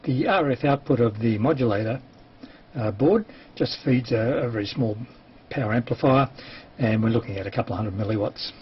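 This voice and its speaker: Through clear hiss and dull lo-fi sound, an Australian amateur television presenter and operator walks through an unscripted technical demonstration. His medium-pitched voice moves fairly quickly, and he explains in a plain, hesitant way.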